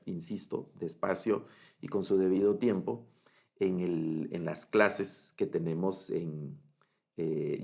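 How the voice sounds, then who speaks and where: A man's voice: sits low, gravelly, a little mellow. A man teaching a Bible Hebrew master class, explaining step by step and often checking in with his students. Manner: explains step by step, frequent fillers and restarts, checks understanding. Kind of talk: online master class lecture.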